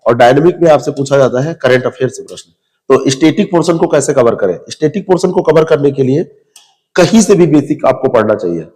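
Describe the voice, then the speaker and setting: In a large hall, a man with a medium-pitched, slightly mellow voice advises viewers on what books to study for a civil service exam. He's an exam prep teacher, and his tone is direct and informal, speaking to the audience as "you."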